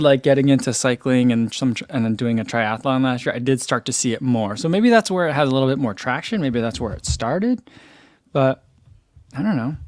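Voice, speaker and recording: A young man with a soothing, fairly high voice hosts a casual running live stream from a room at home, chatting and reading comments aloud. He's relaxed and chatty, laughs easily, and uses many fillers. His desk microphone by the computer gives clean studio sound with no room sound.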